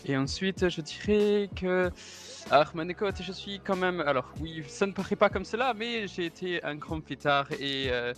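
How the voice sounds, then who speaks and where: Over faint background music, a man in his thirties roleplays a party-loving German realtor, a suave 33-year-old. His high, fairly bright voice is expressive and moderately paced. Chatty and polite, he speaks formally but haltingly in a German accent, filling gaps with fillers and German exclamations.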